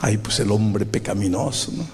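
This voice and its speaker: A male pastor from Peru preaching a sermon, telling a story and acting out voices with sudden high outbursts. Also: normal speed, a little hiss or hum. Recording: long hall reverb.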